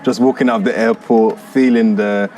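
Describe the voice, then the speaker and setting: A man gives earnest, measured interview answers in a low voice. The mic picks him up from a distance, with faint background noise. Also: fairly even intonation, a little mellow. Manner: earnest, measured, frequent fillers. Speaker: interview guest.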